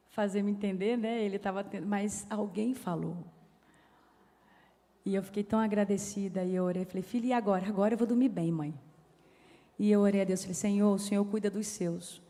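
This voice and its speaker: A middle-aged woman preaching a sermon, telling a personal story in an animated way and acting out the dialogue. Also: medium pitch, moderate pace, pauses often. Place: church hall. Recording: reverberant church hall.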